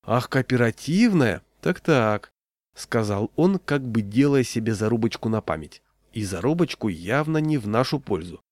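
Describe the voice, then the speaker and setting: A man's voice: fairly low pitch, animated, normal speed, darkish tone, dry recording. Wry man reading a comic story. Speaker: narrator. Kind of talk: reading a humorous short story. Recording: dry close recording.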